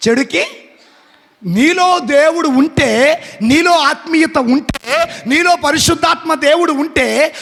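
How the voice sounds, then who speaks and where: High husky preacher in a reverberant hall. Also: male voice, a bit bright. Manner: asks the congregation questions and answers them; acts out quoted speech in shifting voices. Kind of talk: sermon.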